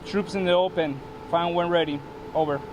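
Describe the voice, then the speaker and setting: A man demonstrating a calm radio fire call, speaking in clipped procedural phrases and spelling out digits deliberately. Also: sits high, noisy background.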